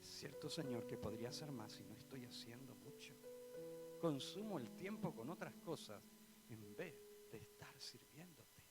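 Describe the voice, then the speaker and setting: Emphatic Andalusian pastor preaching. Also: male voice, mid-range voice, lively intonation, normal speed, over loud music, low-quality recording. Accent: Andalusian Spanish. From Spain. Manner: emphatic preaching, swings between loud bursts and quiet asides; addresses the congregation directly with questions. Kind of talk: sermon. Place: church.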